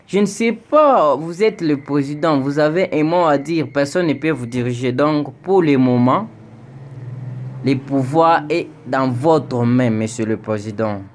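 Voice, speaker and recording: Amid slight background noise, a young Congolese man with a fairly high voice takes his time addressing his president on video. He pleads earnestly, then turns indignant, stammering over repeated words.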